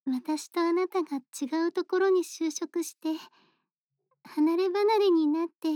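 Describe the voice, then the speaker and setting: A woman voices a shy, bookish young woman in a bedtime audio drama. Her voice is very high and mellow, recorded close and dry. She speaks politely and earnestly, measuring out each thought with gentle hesitation. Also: a little slow, dry recording. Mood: wistful, subdued. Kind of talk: soft bedtime voice-acted role-play, intimate monologue.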